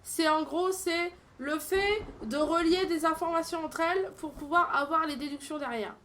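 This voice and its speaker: A woman's voice: very high voice, normal speed, a bit bright, slight background noise. A woman streaming a video game, talking casually with many fillers and a playful tone. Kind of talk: casual gameplay commentary.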